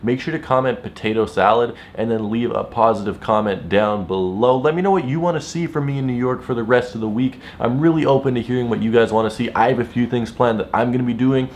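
A man's voice: medium pitch, quick pace, hardly any pauses, a little hiss or hum. Tired young man ranting about prices. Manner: animated, frustrated ranting. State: tired, worn out. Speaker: sneaker vlogger. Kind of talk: casual vlog talk to camera. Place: store, then hotel room.

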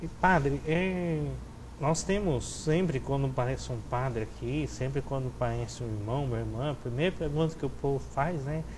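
A young man who is a priest hosts a religious TV program from a studio with a chapel set, greeting viewers and asking questions in a friendly yet formal way. His medium-pitched, darkish voice moves at a moderate pace with fairly even intonation. The lapel mic recording has poor audio and slight background noise.

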